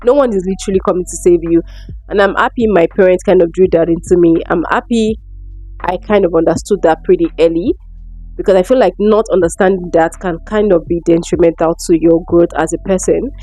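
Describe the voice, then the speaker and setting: With faint music underneath and no echo, a young woman from Lagos speaks in a fairly low, husky, dark-toned voice at a slightly fast clip. The Nigerian-accented vlogger casually answers viewer questions to camera, informal and prone to emphatic repetition.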